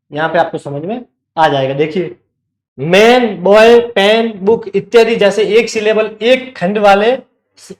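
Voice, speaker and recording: High-voiced man teaching in an echoey room. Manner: explains step by step, checks with the class. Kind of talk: online classroom lecture.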